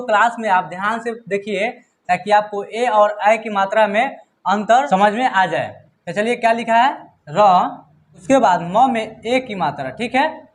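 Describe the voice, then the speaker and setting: A teacher with a gives an online reading lesson at a very unhurried pace. Each word is spelled out letter by letter and vowel sign by vowel sign, then blended together. The voice sits in a middle pitch, with frequent check-ins and questions to the viewers. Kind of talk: online phonics lesson, sounding out syllables.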